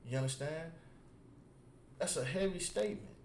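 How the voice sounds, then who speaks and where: A man's voice: a little high, moderate pace, a little mellow. A man preaching to a group, repeating his words for emphasis and often asking whether they understand. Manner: keeps asking "You understand?" after nearly every point; emphatic, repeats words while building a point. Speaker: religious teacher. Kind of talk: street preaching with call and response. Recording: echoey space with faint background noise.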